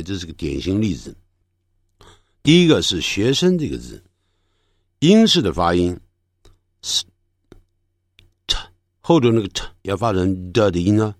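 A man teaching English pronunciation from a textbook, slowly stretching and repeating each example word. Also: on the low side, no room sound, clean studio sound. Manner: slow, stretches out example words, repeats them. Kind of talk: textbook lesson, explaining in Chinese.

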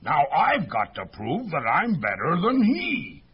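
A man voicing a big, pompous male bear who brags in a drawn-out way in a storybook reading. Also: a little high, huge pitch swings, slightly rough, muffled recording, voice pushed up, heavily acted. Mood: boastful. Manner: boastful, drawn-out.

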